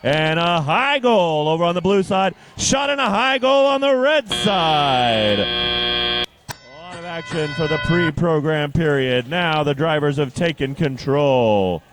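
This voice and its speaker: A man's voice: on the high side, lively intonation, a bit bright, slight background noise. A man announcing a live competition like a fighting game announcer, with emphatic calls and play-by-play commentary. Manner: drawn-out, emphatic team-name calls.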